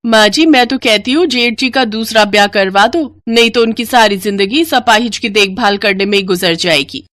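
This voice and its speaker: A woman's voice: on the high side, normal speed, fairly bright tone, no room sound, studio quality, close to an everyday voice. A woman voicing a spoiled, rich young daughter-in-law in a cartoon story, with a chirpy, mocking tone.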